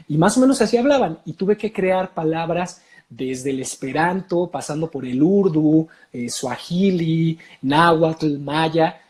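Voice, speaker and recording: A man with a Mexican accent, a voice coach talking in an interview, explaining in an animated way with many filler sounds. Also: fairly high pitch. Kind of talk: casual interview talk.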